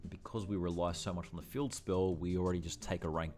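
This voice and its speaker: A man's voice: low-pitched, steady tone, quick pace, a little mellow, soft background music. A man giving chatty livestream commentary while playing, thinking aloud and often correcting himself. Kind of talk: casual gameplay livestream commentary.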